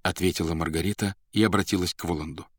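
A man reads a novel aloud in a measured, expressive manner. His voice is very deep, and the recording is dry and close with no room sound. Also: slightly rough, no room sound. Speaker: audiobook narrator. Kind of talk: literary audiobook narration.

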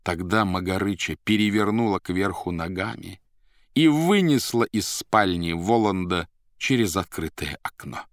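A man reads a novel aloud in a measured, expressive manner. His voice is very deep, and the recording is dry and close with no room sound. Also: no echo. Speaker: audiobook narrator. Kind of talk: literary audiobook narration.

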